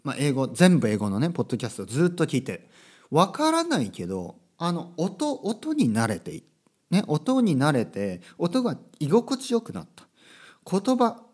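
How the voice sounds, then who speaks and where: Chatty man with a lively voice. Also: fairly high pitch, normal speed. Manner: chatty, self-correcting, asks listeners rhetorical tags. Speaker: podcast host. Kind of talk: casual solo podcast talk. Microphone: podcast microphone.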